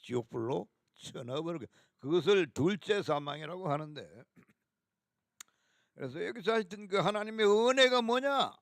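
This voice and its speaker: Fiery gravelly man preaching. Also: sits high, expressive, dry recording, clean studio sound. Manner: fiery, harsh, scolding with coarse insults; sings a hymn slowly. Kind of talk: fiery sermon.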